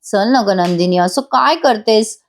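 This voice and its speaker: A woman's voice: mid-range voice, a little slow, lightly acted. A woman doing a coaxing young husband. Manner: coaxing, teasing. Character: pleading young husband, playful rickshaw driver.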